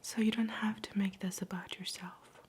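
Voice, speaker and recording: A woman giving a whispered ASMR pep talk in a soft, breathy whisper, soothing, gentle and encouraging. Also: medium pitch, steady tone, normal speed. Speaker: ASMR host.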